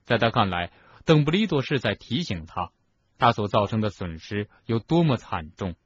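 A man narrating a novel as an audiobook, with expressive storytelling. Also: lowish voice, normal speed, slightly rough. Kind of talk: scripted narration. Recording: dull lo-fi recording.

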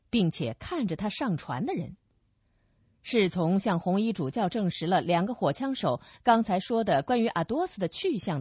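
A woman narrating a radio story in a steady storyteller's manner. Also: mid-range voice, breathy edge, no echo. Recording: dull lo-fi recording.

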